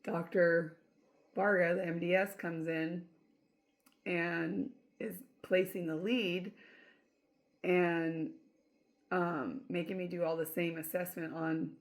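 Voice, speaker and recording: A middle-aged woman telling her own story casually, chatty and laughing often, with many fillers and restarts. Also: on the low side.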